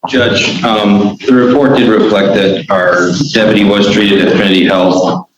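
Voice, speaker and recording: Low-voiced prosecutor in an echoey courtroom recording. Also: male voice, fairly even intonation, unhurried. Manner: brief, matter-of-fact, with fillers. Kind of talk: courtroom speech. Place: large courtroom. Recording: echoey courtroom, distant mic, noisy.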